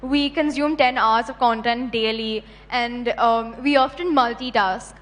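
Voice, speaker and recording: A young woman speaking quickly and casually on a panel, with lots of filler words. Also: fairly high pitch, fairly even intonation. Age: teens or young adult. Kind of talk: panel discussion. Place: conference hall. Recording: reverberant conference hall.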